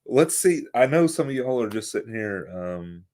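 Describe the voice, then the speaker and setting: A man co-hosting a casual live Q&A stream, talking in a shy, halting way with lots of fillers. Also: mid-range voice, sing-song, darkish tone. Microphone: streaming mic.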